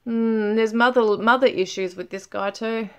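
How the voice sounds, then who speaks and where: A middle-aged woman talks through a tarot spread in a casual home video. She thinks out loud, stopping and restarting as she searches for words. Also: fairly high pitch, fairly even intonation, moderate pace, clear, resonant tone. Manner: musing, thinking aloud with fillers and restarts. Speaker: tarot reader. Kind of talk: casual tarot reading to camera.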